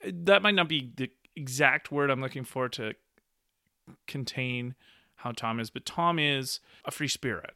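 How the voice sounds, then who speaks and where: A man talks through a classic novel with keen enthusiasm, often breaking into laughter and playing out the lines he quotes. His voice is bright and forward, recorded close and dry with no room sound. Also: medium pitch, a little slow, no echo. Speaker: discussion co-host. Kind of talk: casual literary discussion.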